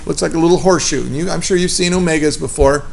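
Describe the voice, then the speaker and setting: A man's voice: a little high, quick pace, vocal fry, a little mellow, a little hiss or hum. A man teaching a physics class, casual and chatty, often checking in with the students. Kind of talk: classroom lecture.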